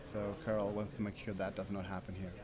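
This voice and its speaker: A man's voice: fairly low pitch, little pitch movement. Man calling play-by-play over crowd. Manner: brisk play-by-play, reads out fleet lists. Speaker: lead commentator. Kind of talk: live tabletop game commentary. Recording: crowd chatter of a tournament hall.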